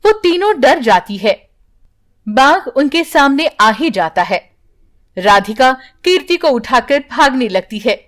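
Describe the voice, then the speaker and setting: Slow, high-voiced woman storyteller. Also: very animated. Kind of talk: scripted narration.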